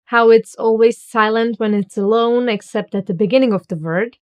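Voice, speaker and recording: A language teacher with a somewhat high, slightly mellow female voice narrates a scripted lesson aimed at beginners. She takes her time, carefully demonstrating each word's pronunciation.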